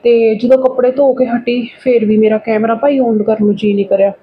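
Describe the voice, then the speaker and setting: A woman's voice: a little high, fairly even intonation, brisk, phone-quality sound, slight background noise. A woman vlogger with a Punjabi accent, chatting casually through her daily routine and often adding little tag questions. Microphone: phone camera.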